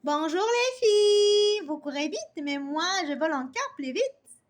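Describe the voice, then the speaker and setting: A woman voicing a cheerful, playful butterfly in a children's storybook, gently teasing and calming others. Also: extremely high pitch. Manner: slow, laughing, gently teasing.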